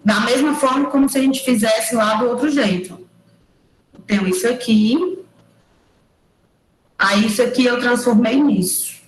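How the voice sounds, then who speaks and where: A woman lecturer giving an online engineering class, explaining step by step and checking in with quick tag questions. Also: a little high, roomy sound, poor audio. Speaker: university lecturer. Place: room at home or office, recorded over a digital platform. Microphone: computer mic on a video call.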